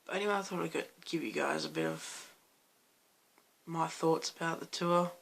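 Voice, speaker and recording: Croaky Australian young man vlogging. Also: fairly high pitch, fairly even intonation, normal speed, fairly bright tone. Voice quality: gravelly fry. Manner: rambling, loose, with many restarts and fillers. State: croaky, hoarse voice. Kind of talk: casual late-night vlog chat.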